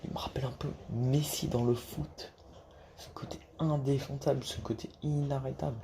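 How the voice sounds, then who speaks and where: A man's voice: mid-range voice, fairly even intonation, normal speed, gravelly, mellow, slight background noise. A man talking casually to camera about basketball, rambling with many restarts and casual swearing. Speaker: basketball YouTuber.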